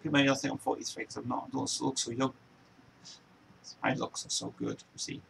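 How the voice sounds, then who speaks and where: A man's voice: medium pitch, fairly quick, creaky, a bit bright, a little hiss or hum, rough recording. An Englishman in his forties hosting a casual chat show from home, talking in a loose, meandering way that circles back and repeats itself. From England. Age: 40s. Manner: loose, meandering, repeats himself and restarts often. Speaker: show host.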